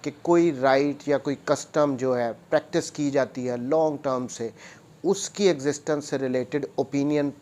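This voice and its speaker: In his law lecture, a Pakistani-accented man alternates English and Urdu as he reads statutes and explains them, often repeating phrases. He speaks at a moderate pace in a mid-range, darkish voice.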